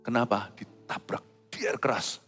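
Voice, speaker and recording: A middle-aged man preaching a sermon, swinging between loud high exclamations and hushed low asides. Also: fairly even intonation, a little slow, big-room sound, soft background music. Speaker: pastor.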